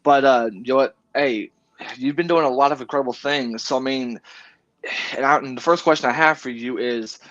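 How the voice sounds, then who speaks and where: A man's voice: mid-range voice, moderate pace, fairly bright tone. Male host, rambling, stumbles a lot, muffled lo-fi sound. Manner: rambling, stumbling over words. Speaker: interview host. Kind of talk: casual interview. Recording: dull lo-fi audio.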